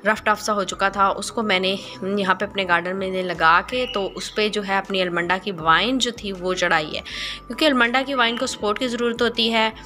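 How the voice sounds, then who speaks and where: Woman narrating her garden redo, bright crisp voice, calm how-to pace with little pauses, soft music under it. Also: medium pitch. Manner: calm, explanatory step-by-step instruction with hesitant pauses. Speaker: gardening channel host. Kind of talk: voice-over narration of a garden makeover.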